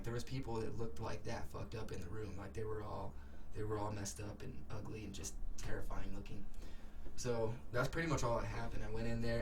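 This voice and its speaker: A man's voice: fairly low pitch, distant mic, a little hiss or hum, rough recording. A man casually rambling through his recollection of a dream in a hazy, puzzled way, searching for words and unsure of details, in slangy everyday speech. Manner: slangy, informal. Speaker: vlogger recounting a dream.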